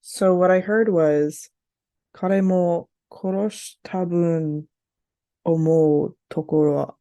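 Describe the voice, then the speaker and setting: A woman's voice: fairly low pitch, fairly even intonation, slow, warm tone, no echo. A woman who is a native English speaker, casually studying a language aloud, talking to herself and repeating syllables as she sounds them out. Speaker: language learner hosting a practice session.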